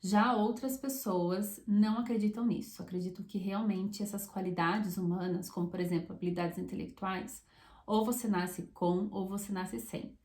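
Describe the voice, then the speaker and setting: A woman psychologist talks through an idea in a relaxed explanatory way, her voice mellow and soft-edged. She keeps it conversational, dropping little check-in questions between points. The room around her adds a noticeable echo. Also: mid-range voice. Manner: conversational, tag questions, measured pauses. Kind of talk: explanatory talk to camera. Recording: echoey room.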